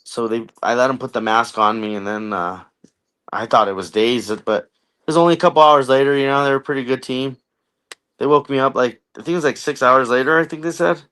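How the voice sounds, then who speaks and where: A man's voice: medium pitch, brisk, a bit bright, smooth. Chatty American man telling his story. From United States. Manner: conversational, jokey, filler-heavy storytelling. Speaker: podcast guest, army veteran. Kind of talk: casual storytelling interview.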